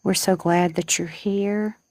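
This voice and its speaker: Woman, 40s, live-stream co-host: unhurried, gentle, a bit low, dry mic. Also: fairly even intonation, no room sound. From Southern United States. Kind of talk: casual chat on a live stream. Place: outdoors on a home porch at dawn.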